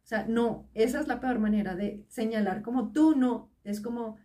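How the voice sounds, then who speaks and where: Brief: woman, fairly high voice, lively podcast co-host, sitting a little back from the mic. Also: normal speed, far from the mic. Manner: animated, quotes others, laughs often. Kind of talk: casual podcast chat.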